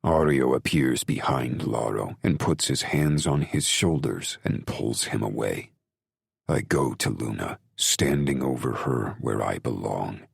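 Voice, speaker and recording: Very deep, gravelly male narrator. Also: no room sound, clean studio sound. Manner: brooding, measured, intense. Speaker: audiobook narrator. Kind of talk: first-person audiobook narration.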